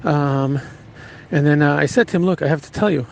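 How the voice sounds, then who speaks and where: A rabbi recounting a personal story in an earnest, halting way, with frequent restarts. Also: male voice, a little high, gravelly, a little mellow, slight background noise, poor audio.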